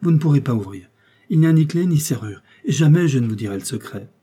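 A man's voice: medium pitch, steady tone, slow. A man voicing a distraught male circus clown who protests in pleading, indignant outbursts. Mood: defiant.

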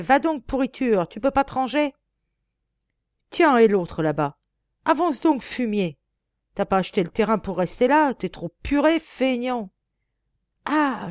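A woman reading an audiobook voices a rowdy, loudmouthed male cab driver who gleefully shouts insults. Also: a little high, no echo, voice pushed up.

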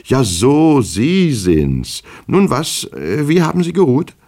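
A man voicing a hurried, haughty official who talks curtly and officiously, in an audiobook reading. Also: low voice, very animated, gravelly, a little mellow, breathy edge, voice pushed up, heavily acted. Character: brisk, haughty male official, curt and dismissive.

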